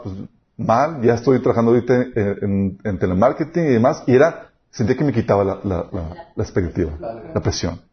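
A man preaching a sermon, telling personal stories and acting out quoted dialogue. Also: medium pitch. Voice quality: animated, storytelling with quoted dialogue. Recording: dull lo-fi sound.

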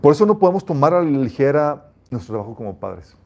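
A man's voice: a little high, sing-song, fast, darkish tone, dull audio. A man preaching a sermon as a pastor, reading scripture aloud and speaking emphatically, often restarting his phrases.

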